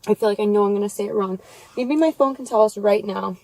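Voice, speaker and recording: A woman's voice: medium pitch, fast, vocal fry, a little mellow, rough recording. An American woman giving a casual food review to viewers, talking between bites of crunchy fried chicken. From United States. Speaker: food vlogger, mukbang host. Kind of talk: casual food review chat while eating.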